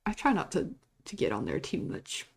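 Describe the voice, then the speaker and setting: A woman's voice: on the low side, huge pitch swings, moderate pace, gravelly, husky. A young adult woman streamer casually chatting with her viewers, laid-back and often breaking into giggles. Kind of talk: casual live-stream chat.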